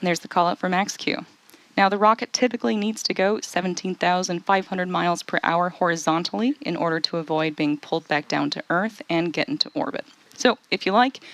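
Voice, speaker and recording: A webcast host presents live launch commentary, explaining events in a clearly enunciated presenter style. Her voice is lowish and the recording is dry.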